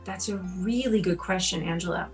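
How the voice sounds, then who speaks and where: A woman's voice: lowish voice, fairly quick, faint music behind, poor audio. Encouraging woman pianist answering questions. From Austria. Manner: warm, encouraging, many ums and you-knows. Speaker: piano teacher and competition judge. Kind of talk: answering interview questions on a video call.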